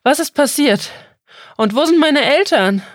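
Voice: mid-range voice, very animated, slow, a bit bright, dry recording, studio quality, full character voice. A storyteller voicing a frightened, lost young boy who asks panicked questions in a raised, strained voice. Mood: desperate.

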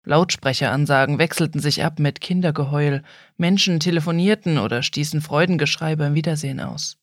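Calm woman reading a novel. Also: low voice, brisk, no room sound, clean studio sound. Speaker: audiobook narrator. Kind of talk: scripted narration.

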